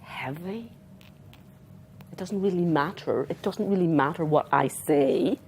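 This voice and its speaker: An Australian woman giving a conference talk as a trauma therapist, animated and acting out dialogue with clients. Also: low-pitched, moderate pace, slight background noise. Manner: animated, acts out client dialogue, talks with her hands. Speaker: trauma therapist presenting to counsellors. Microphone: not handheld, clip-on.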